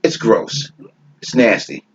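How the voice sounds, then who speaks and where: A man co-hosting a podcast, telling a story in casual chat, profane and often laughing. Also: slow. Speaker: podcast co-host. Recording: dull lo-fi podcast audio.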